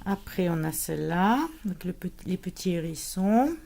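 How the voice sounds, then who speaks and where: A woman's voice: lowish voice, moderate pace, gravelly, noisy background. A woman chatting casually as she unboxes and shows scrapbooking paper, with lots of fillers and restarts. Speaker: scrapbooking vlogger.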